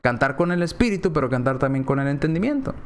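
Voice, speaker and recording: A man preaching a sermon in a church, animated, acting out quoted voices with sudden pitch jumps and often checking in with his listeners. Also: fast talker. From Spanish-speaking, lives in Texas. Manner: often adds tag questions.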